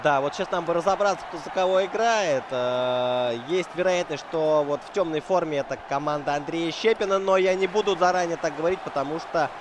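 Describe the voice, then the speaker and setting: A man's voice: on the high side, brisk, hardly any pauses. Man commentating over a noisy crowd. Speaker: esports hockey commentator. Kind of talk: live match commentary with conversational analysis. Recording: noisy venue with crowd behind the voice. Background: crowd and venue noise.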